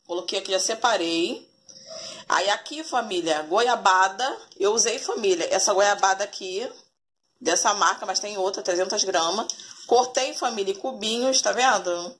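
A Brazilian woman in her forties narrates a casual cooking vlog, first in her home kitchen and then out in a yard, often calling her viewers family. Her voice is mid-range and a bit bright, picked up by a phone camera held at arm's length.

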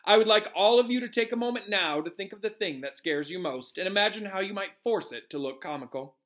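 A man reading a storybook, voicing a calm, cheerful male wizard professor who teaches in an encouraging, emphatic, instructive way. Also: high-pitched, a little fast, voice pushed up.

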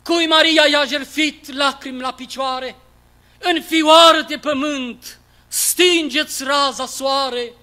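Male reciter, high and ringing, dramatic devotional poetry, declamatory, wide swings in loudness. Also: fairly even intonation. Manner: declamatory, swelling from hushed lines to loud cries.

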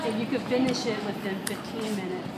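A woman's voice: on the high side, steady tone, brisk, crowd noise. A woman chatting casually and matter-of-factly while showing someone around. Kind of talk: casual chat.

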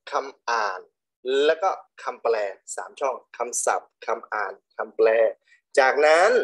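A man teaching English to primary school children, slowly drilling words with big emphasis on each one. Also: medium pitch. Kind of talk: online English lesson for children.

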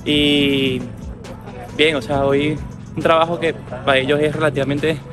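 A man from Caracas, a triathlete, talking haltingly and repeating himself at an outdoor stadium. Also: on the high side, little pitch movement. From Caracas, Venezuela. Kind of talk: casual chat. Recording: music behind.

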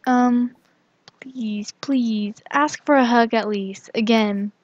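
Woman, gaming commentary, excitable, giggly, slow pace, muffled dry recording. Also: fairly high pitch. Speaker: gaming vlogger. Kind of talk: casual gameplay commentary.

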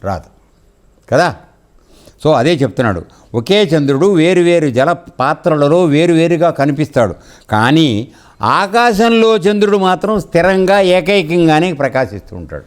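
A male spiritual teacher with a somewhat high voice talks through his teachings conversationally, drawing on parables as in a discourse. His pitch swings widely at a normal speed, and he frequently asks his listeners questions to make sure they understand.

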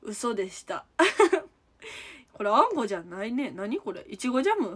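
Husky young Kansai woman, chatty. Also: medium pitch, big pitch swings, a little fast. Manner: chatty, giggly, answers viewers one by one. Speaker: idol livestreamer. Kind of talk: casual livestream chat reading comments. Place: room at home.

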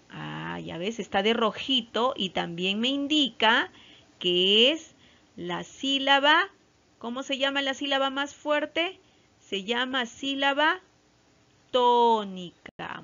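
A woman's voice: on the high side, vocal fry, sharp tone, dull audio. A woman teacher with a Peruvian Spanish accent, giving a patient online lesson to young children and often checking in with "¿ya?". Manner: slow, patient, with frequent "¿ya?" check-ins. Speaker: primary school teacher.

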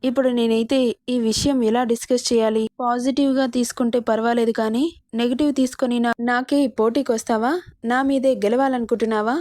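A coaxing, sulky young wife, as a woman narrator puts her on, pleading softly with her husband. The voice sits fairly high, and the recording is dry and close, with no room sound. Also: dry recording, close to an everyday voice.

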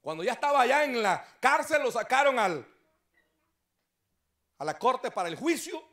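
A male pastor preaching an evangelistic sermon, telling stories and building up to shouted exhortations. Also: very high voice, sing-song, moderate pace. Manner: storytelling preacher who rises to shouted exhortation. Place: church service.

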